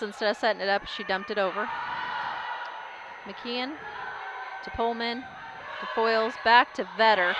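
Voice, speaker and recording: A woman giving casual play-by-play commentary on a volleyball game, getting louder on big plays. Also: medium pitch. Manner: chatty, casual, rises loudly on big plays. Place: school gym during a game. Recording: loud crowd and gym noise.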